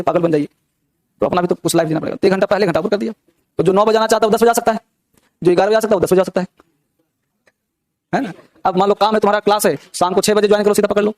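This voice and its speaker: A young man teaches an English grammar class in a high voice with a darkish tone, explaining step by step and asking students many rhetorical questions. There's no room sound.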